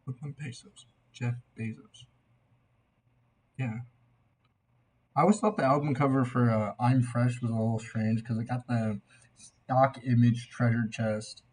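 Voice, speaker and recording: A young man with a husky voice talks through music like an amateur reviewer. He sounds tipsy, loose and meandering, with a casual, off-the-cuff delivery at an ordinary male pitch. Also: fairly even intonation, moderate pace, a little mellow, rough recording. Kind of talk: casual rambling album reaction.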